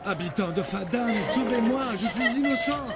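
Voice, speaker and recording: A high, desperate condemned man. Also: lively intonation, normal speed. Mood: desperate pleading. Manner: desperate, shouting pleas. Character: condemned man begging for his life. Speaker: accused prisoner. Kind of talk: French dub of a historical series. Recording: loud music and crowd behind.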